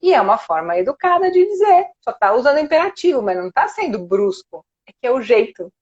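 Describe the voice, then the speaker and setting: A woman who teaches Spanish, talking in a live video chat and acting out quoted speech in an animated way. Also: high-pitched, a little fast, lo-fi sound. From Brazil.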